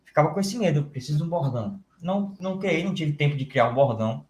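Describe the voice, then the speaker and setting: Young male sports announcer, expressive storyteller, roomy podcast room. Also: on the high side, fast talker. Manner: animated, acts out his goal calls. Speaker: football radio announcer guest. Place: podcast studio. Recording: roomy studio echo.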